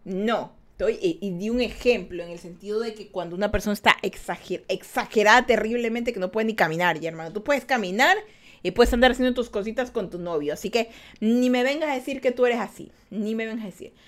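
A woman's voice: medium pitch, fairly quick. A woman, chatting casually as a streamer reading her live chat, teasing and laughing often. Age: 20s.

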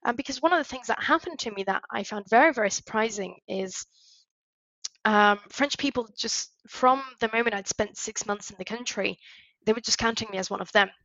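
A woman's voice: on the high side, brisk, a bit bright, no echo, lo-fi sound. A woman from Spain chatting as an interview guest, telling stories with lots of fillers and acted-out quotes. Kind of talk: casual interview chat.

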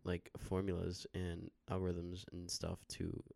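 A man co-hosting a podcast in casual chat, teasing his friend with a dry, deliberately flat delivery. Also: deep voice, vocal fry, no room sound. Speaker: podcast co-host.

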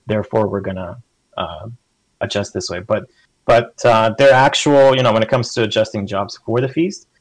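As a podcast guest, a man with a lowish voice chats casually about a game at normal speed. He rambles, restarts often and acts out quotes animatedly. The recording is dry and the audio quality poor.

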